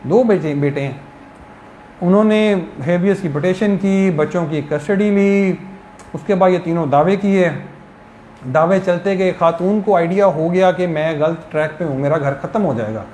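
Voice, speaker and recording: A man with a fairly high voice lectures on law in a classroom, walking through examples in a patient, explanatory way. The room rings with echo, and a faint hiss sits underneath. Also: normal speed, a little mellow. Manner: explanatory, uses worked examples. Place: lecture hall. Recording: echoey hall with background hiss.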